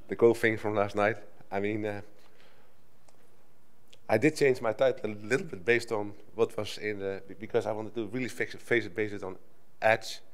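A middle-aged native Dutch speaker from the Netherlands gives a conversational conference talk into a lectern microphone on a conference hall stage, restarting often. His voice is on the low side, steady in tone, at a moderate pace.

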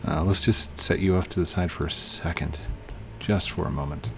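In his thirties and sounding slightly tired, a gaming channel host casually comments on a building game at home, talking to game objects and humming as he works. His low voice stays steady at a moderate pace, captured on a headset with soft music in the background.

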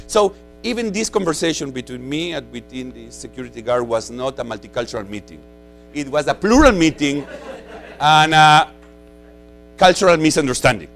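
A man's voice: fairly high pitch, poor audio. A man from Peru with a Spanish accent giving a conversational conference lecture, full of "you know" and repeated words.

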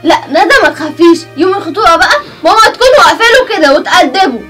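A woman's voice: very high voice, animated, very fast, bright, forceful tone, far from the mic, faint music behind, full character voice. A woman with an Egyptian accent playing an agitated young woman who keeps complaining tearfully in a family web drama. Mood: upset. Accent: Egyptian Arabic. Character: upset young woman harassed by a neighbor.

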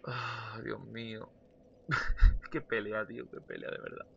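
Young man, let's-play commentator, bright and forceful, lo-fi home mic, jumps from shouts to mumbles. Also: lowish voice, slow pace, gravelly, slightly rough. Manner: excitable, swings from loud shouts to muttering. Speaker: gameplay commentator.

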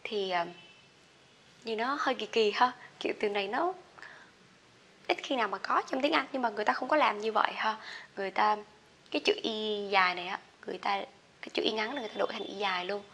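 A woman teaching an English grammar lesson. She explains in a chatty way and reads the example sentences slowly and loudly. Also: medium pitch.

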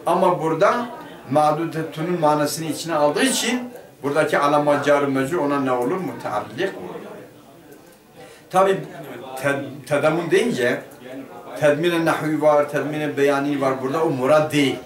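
Male teacher, higher voice, leads a grammar lesson and quizzes the class, heard from across an echoey room. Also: moderate pace, a crowd in the background. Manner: asks the class questions and answers them himself. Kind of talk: Turkish madrasa lesson explaining a grammar text. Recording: roomy classroom picked up from a distance.

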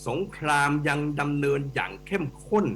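A middle-aged man, an economics professor, giving animated, emphatic commentary as a guest on a radio talk show and addressing the hosts directly. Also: a little high, normal speed, creaky. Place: radio studio. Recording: radio studio with faint mains hum.

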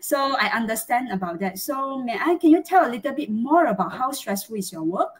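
A middle-aged Malaysian woman with a Malaysian accent hosts a live chat interview over a video call from a small room at home. Her voice is on the high side, with lively intonation and a slightly quick pace, and her manner is effusive and chatty.

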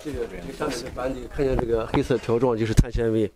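A man's voice: mid-range voice, fairly even intonation. A man explaining construction work on a tour of an outdoor building site. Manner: quick, explanatory. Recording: crowd chatter outdoors. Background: crowd of people around.

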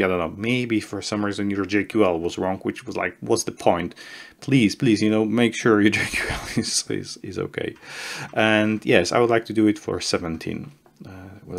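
Low gravelly man walking through software. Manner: conversational, restarts and repeats words, stresses key warnings. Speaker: software tutorial presenter. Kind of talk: casual screen-share tutorial.

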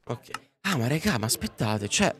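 A male streamer talks casually and directly to his viewers, his voice sitting at an ordinary middle pitch. He speaks into a podcast-style microphone at a convention booth. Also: very animated, normal speed, a bit bright. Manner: chatty, addresses viewers directly. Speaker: livestreamer. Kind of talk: casual live-stream chat.

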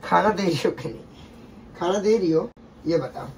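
A man's voice: high voice, moderate pace, recorded from a distance, a little hiss or hum, low-quality recording. A young man nagging his girlfriend in a casual vlog, pleading and making playful mock threats. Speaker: vlogger pranked by girlfriend. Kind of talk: casual couple vlog banter.

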